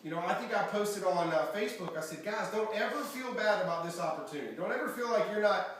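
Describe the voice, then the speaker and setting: A man giving an energetic motivational seminar talk as a network marketing trainer, quizzing the audience with questions. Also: sits high, fast talker. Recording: echoey room from far off, faint background noise.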